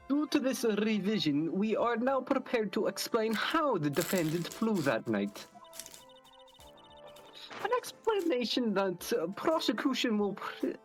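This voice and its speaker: A woman's voice: mid-range voice, sing-song, slow pace, soft background music. A woman voicing a haughty, arrogant young female prosecutor, speaking in an imperious and mocking way while reading a game aloud with voices.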